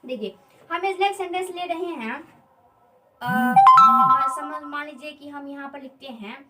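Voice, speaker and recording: A woman teaching an English grammar lesson. She explains slowly, repeats key words and keeps asking quick check questions. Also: sits high, distant mic, over loud music, poor audio.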